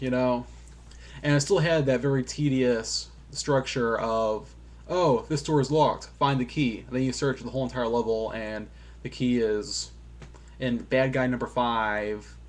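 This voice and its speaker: Male vlogger reviewing an old game off the cuff; loose, self-deprecating, filler-heavy delivery, average pitch. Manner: swears casually. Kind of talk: casual rambling game review.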